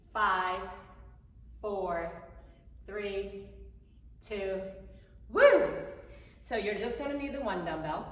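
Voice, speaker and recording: Echoey, distant woman counting out workout reps. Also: mid-range voice. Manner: counting workout reps and cueing moves in short phrases; encouraging. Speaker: fitness instructor hosting a workout. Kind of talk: home workout coaching while demonstrating exercises. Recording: very echoey room, distant mic, faint noise.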